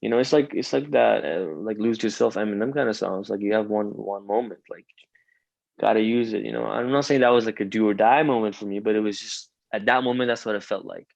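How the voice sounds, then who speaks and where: In a relaxed interview chat, a young rapper from Iran speaks English learned after Farsi, and his first language colors it. His gravelly, fairly low voice moves a little fast, wandering through fillers, restarts and repeated "you know"s. The audio is dull, close-miked and dry, with no echo or sense of a room.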